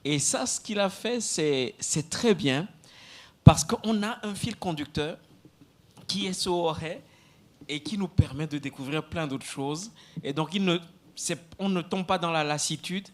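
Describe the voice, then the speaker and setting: A man on a jury giving a measured, explanatory critique of a contestant's speech. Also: on the high side. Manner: measured, explanatory, repeats points. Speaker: jury member. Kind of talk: spoken critique of a performance.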